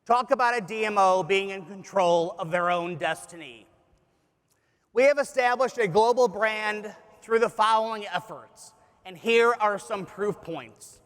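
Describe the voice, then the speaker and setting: A man's voice: high-pitched, measured pace, a bit bright. A man giving a scripted keynote presentation with a polished, upbeat corporate promotional delivery. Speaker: tourism executive giving a keynote speech. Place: large conference hall on stage. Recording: echoey large hall with audience.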